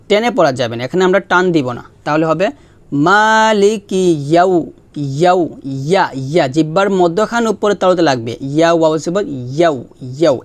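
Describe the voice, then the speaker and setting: A man teaching Quran recitation step by step, spelling out letters and vowel marks, then chanting each verse slowly for students to repeat. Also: high-pitched. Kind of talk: slow step-by-step recitation lesson.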